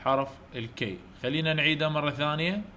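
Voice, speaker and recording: An Iraqi man teaches young children in an online lesson, his voice sitting a little high for a man. He talks in an encouraging, repetitive way, coaxing the kids to say each letter back and praising them again and again. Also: fast talker, sharp tone, slight background noise. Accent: Iraqi Arabic. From Iraq.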